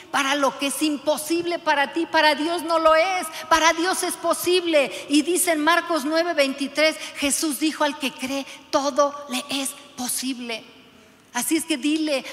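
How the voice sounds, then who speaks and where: Fervent high-voiced woman pastor preaching. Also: a bit bright, in a large hall. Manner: fervent, urging the congregation with direct questions. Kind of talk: sermon.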